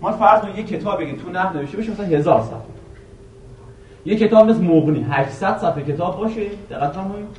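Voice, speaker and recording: A male teacher giving a classroom grammar lesson, quizzing his students with questions and reciting a verse slowly again and again. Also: high-pitched, a little mellow. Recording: echoey room, voice from a distance.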